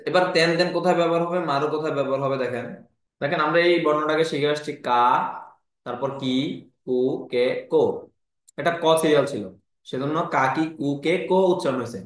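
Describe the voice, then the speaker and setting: Man teaching a class, slow and repetitive, slightly high voice, really echoey room. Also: fairly even intonation. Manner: patient, repeats each syllable slowly and clearly. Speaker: Japanese language teacher. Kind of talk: classroom lesson explaining Japanese script.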